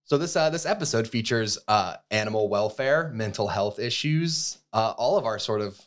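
A man in his thirties from the United States, co-hosting a podcast and telling a story in a relaxed, chatty way with fillers and restarts. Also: lowish voice, moderate pace. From USA. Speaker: podcast co-host. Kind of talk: casual chat.

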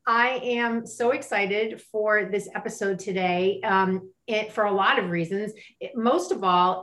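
A woman's voice: medium pitch, a bit bright. A woman hosting a podcast interview, talking in an enthusiastic, chatty way with fillers and restarts. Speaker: podcast host. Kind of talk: casual interview chat.

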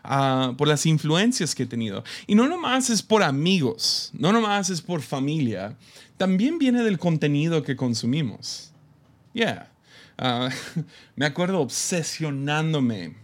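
A Mexican man talking casually to his church, his voice sitting at an ordinary middle pitch. He chuckles often and keeps stumbling into fillers and restarts as he thinks aloud, giving the talk an easy, chatty flow. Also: very animated, a little slow.

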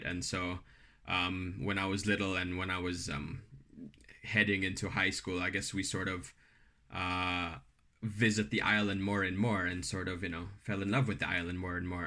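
A man's voice: low-pitched, sharp tone. A man from Indonesia, a podcast guest, reminiscing in an easygoing way with many fillers. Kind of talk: casual conversation.

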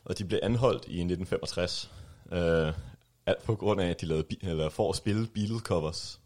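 A man's voice: sits low, darkish tone. A man presenting music in a casual studio chat, talking with frequent hesitations. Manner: hesitant, many fillers and laughs.

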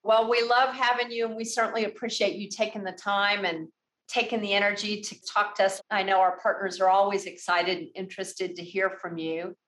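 A woman hosting a corporate podcast, speaking in a polished, effusive and measured way. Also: mid-range voice, flat delivery, a bit bright. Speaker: podcast host. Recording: roomy echo.

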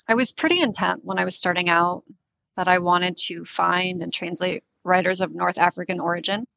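A woman's voice: fairly low pitch, steady tone, moderate pace, gravelly, pushed and bright, dry recording. A woman, a literary translator speaking thoughtfully in an interview, often restarting to find the right words. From born in Tunisia, raised in the US. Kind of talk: reflective interview talk. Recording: dull lo-fi dry recording.

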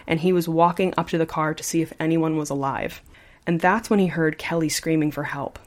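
A woman hosting a podcast, telling a true story in a casual, chatty way and sometimes adding "like.". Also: low-pitched. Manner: animated, chatty, says like often.

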